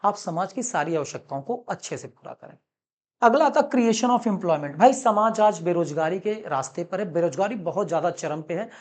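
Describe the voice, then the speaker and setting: A man teaching commerce in a classroom lecture, animated and coaxing, calling students son and checking that they have understood. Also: high voice, normal speed. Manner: calls students son, mixes English terms into Hindi.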